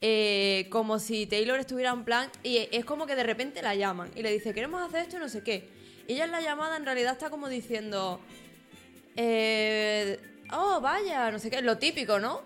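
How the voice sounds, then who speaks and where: A woman's voice: fairly high pitch, normal speed, fairly bright tone, soft background music. A woman, co-hosting a podcast and telling a story in casual chat. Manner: chatty storyteller, many fillers. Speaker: podcast co-host.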